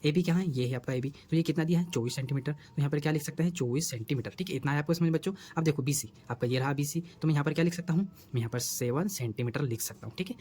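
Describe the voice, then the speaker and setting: A man's voice: a little high, rapid-fire, few pauses, a little mellow. A man teaching a math lesson at a board, who keeps asking his students questions and answering them himself. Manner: repeats questions to the students, coaxing.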